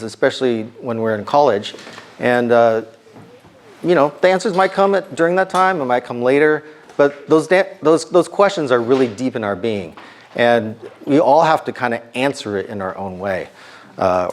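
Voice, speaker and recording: A middle-aged man with a slightly hoarse, mid-range voice gives students an informal sermon. He talks conversationally and animatedly at a normal speed, with plenty of ums and restarts.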